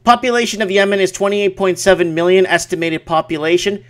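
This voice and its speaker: A man's voice: high-pitched, little pitch movement, fast. A man hosting a casual late-night live stream, speaking emphatically and repeating words for effect. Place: small home office at night.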